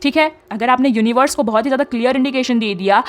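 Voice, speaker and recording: A young tarot reader talks quickly in a high voice, offering spiritual guidance in a chatty way. She checks in with listeners often, slips English into her speech, and uses many tag questions.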